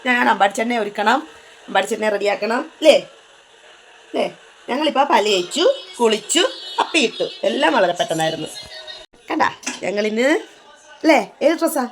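A woman's voice: a little high, lively intonation, fairly quick, pauses often, a little hiss or hum. A woman filming a casual family vlog at home, talking to the viewers and coaxing her small child in a sing-song way. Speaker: vlogger and mother.

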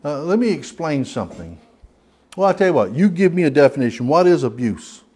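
A man's voice: on the high side, big pitch swings, brisk, warm tone, breathy edge. Folksy rambling Southern man teaching. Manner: rambling, folksy, with frequent restarts and fillers. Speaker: Bible study teacher. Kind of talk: informal Bible study teaching. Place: church hall.

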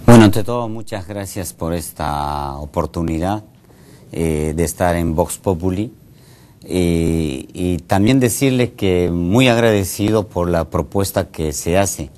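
A man's voice: sits low, a little slow, a little mellow. A middle-aged man from Peru, a mayor being interviewed in a TV studio, speaking earnestly with frequent hesitations. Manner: earnest, many hesitation fillers. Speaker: mayor and guest. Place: TV news studio.

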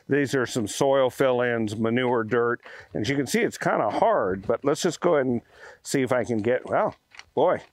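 A man's voice: mid-range voice, dry recording. Older male host, folksy hands-on tool reviewer, dry close sound. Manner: folksy, explanatory, hands-on demonstrating. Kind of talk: casual product review. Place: garage workshop, then outdoors on a farm yard.

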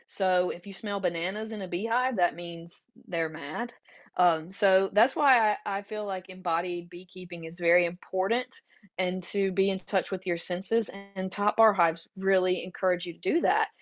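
A woman with a Southern US accent walks listeners through her slides in an earnest, conversational way, stopping often for ums and restarts. Her pitch sits in an ordinary middle range. The webinar audio is a little dull and muffled. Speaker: beekeeping workshop presenter.

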